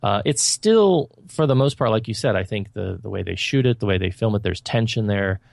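A man's voice: fairly low pitch, lively intonation, brisk, gravelly, a little mellow, no echo. A man co-hosting a podcast, reviewing films in casual chat with an opinionated, critical and rambling manner. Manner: loose, rambling delivery.

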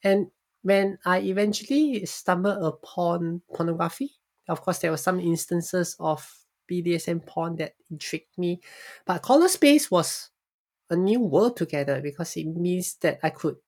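A woman's voice: on the low side, a little mellow. A young adult woman from Singapore, telling her story openly and reflectively as a podcast guest. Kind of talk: podcast interview.

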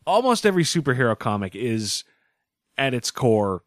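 A man's voice: mid-range voice, sing-song, moderate pace, dry recording, clean studio sound. A man from Boston co-hosting a casual movie review chat, joking and swearing freely. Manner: wry, profane, joking. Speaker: podcast co-host.

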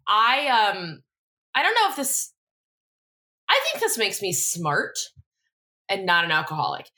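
A woman co-hosting a podcast in casual conversation, chatty, self-deprecating and quick to swear. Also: mid-range voice, wildly swooping pitch, sharp tone. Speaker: podcast co-host. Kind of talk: casual chat recapping a TV drama.

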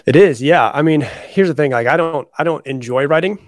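A man's voice: a little high, brisk. A man chatting casually as a podcast guest, informal, repeating and rephrasing as he explains. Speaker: podcast guest, author and coach. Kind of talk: casual interview chat.

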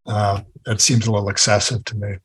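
A man with a somewhat husky, breathy voice speaks as a guest author. He walks through history in a measured, storytelling way during a podcast interview. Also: lowish voice, little pitch movement, fairly bright tone, rough recording.

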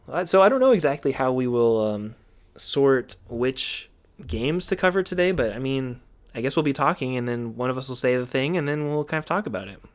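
A man hosting a casual podcast, speaking into a studio microphone at an everyday middle pitch. He rambles with plenty of "like" and "um" and slips into playful asides. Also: animated, a little fast. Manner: rambling, filler-heavy, playful. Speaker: podcast host.

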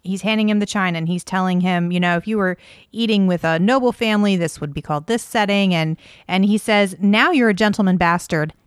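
A woman's voice: mid-range voice, fairly quick, clean tone, no echo, studio quality. A woman co-hosting a casual book discussion podcast, chatty and giggly, using casual slang. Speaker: podcast co-host.

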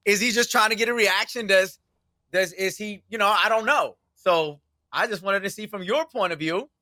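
A man's voice: high voice, moderate pace, sharp tone, no echo. A man co-hosting a sports talk show, chatting loosely and steering the conversation to new topics.

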